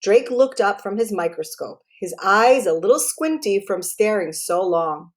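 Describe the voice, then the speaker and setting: A woman with a mid-range voice reads a children's book aloud like a storyteller. She is expressive and deliberate, phrasing things clearly for young listeners.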